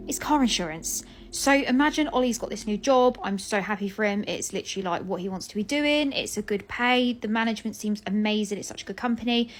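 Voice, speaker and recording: A young woman with a British accent tells a story straight to camera in a loose, chatty way. She sounds exasperated and swears casually as she goes. Her pitch sits in the middle range for a woman. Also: fairly quick, few pauses, slight background noise. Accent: British English. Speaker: vlogger.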